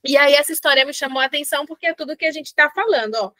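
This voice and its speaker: A middle-aged woman leads a parenting book club, mixing casual reflection with passages read aloud. Her voice sits high and sounds bright. The recording is dry, with no room sound. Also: very fast, dry recording. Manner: animated, uses fillers like "né" and "assim", reads quotes aloud.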